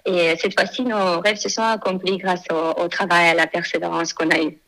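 Woman, 30s, bright tone, measured and thoughtful, phone guest. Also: on the low side, level tone, rough recording. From Moldova. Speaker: guest, former dance champion and coach. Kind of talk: interview answers.

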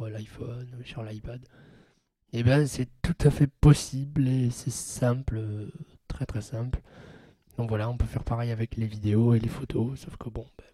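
A man hosting a casual tech tutorial podcast, informal and hesitant as he thinks aloud, with low-quality homemade sound. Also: mellow, no room sound. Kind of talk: casual spoken demonstration. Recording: low-quality sound from an old mixing desk.

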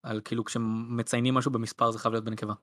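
A man's voice: mid-range voice, flat delivery, a bit bright. A young man chatting casually as a podcast co-host. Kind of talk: casual chat.

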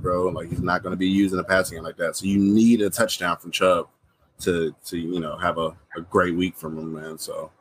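A man co-hosting a fantasy football podcast in relaxed, slangy casual chat, peppering his talk with "bro" and "man". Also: low voice, no room sound.

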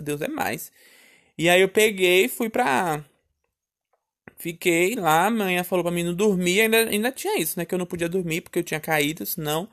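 Chatty Northeastern Brazilian man telling a story. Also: on the high side. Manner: chatty, dramatic, keeps addressing the listeners. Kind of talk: casual comic storytelling.

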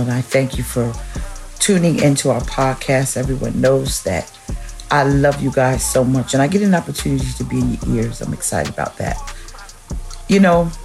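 A woman in her forties, a pastor hosting a podcast, telling family stories in a casual, animated way. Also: rumbling low, gravelly. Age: 40s. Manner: animated, acts out family scenes with exclamations.

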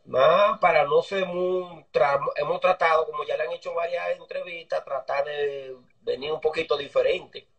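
A man's voice: fairly high pitch, steady tone, moderate pace, few pauses, fairly bright tone, lo-fi sound. A man interviewing a mechanic over a video call, asking friendly, chatty questions. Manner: polite, chatty questioning with fillers. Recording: distant video call audio.

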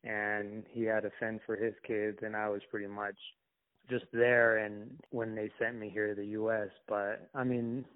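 A young man from Somalia, an interview guest, talking in a halting, reflective way with many restarts. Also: lowish voice, level tone. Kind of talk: casual conversation. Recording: tinny phone-like call line.

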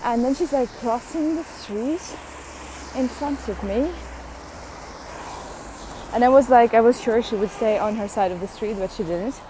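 Young woman, slow chatty rant, mellow voice, blunt, swears. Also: a little high, slight background noise, rough recording. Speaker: vlogger. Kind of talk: casual venting monologue.

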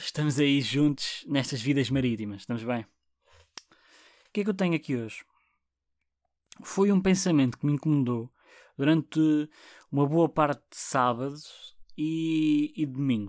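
A man's voice: fairly high pitch, no echo, clean studio sound. Rambling young man with a European Portuguese accent. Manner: rambling and profane, with frequent restarts and fillers. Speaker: podcast host. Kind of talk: casual solo podcast monologue.

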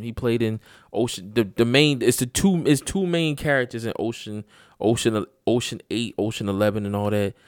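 A man's voice: on the low side, no room sound, studio quality. A sleepy man rambling profanely in a casual late-night monologue from his room, repeating himself as he talks. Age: adult father. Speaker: host.

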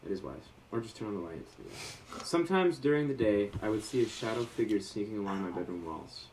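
A man co-hosting a casual podcast, reading listener stories aloud and tossing in deadpan jokes. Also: fairly low pitch, brisk. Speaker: podcast co-host. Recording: roomy sound from a distant mic with faint noise.

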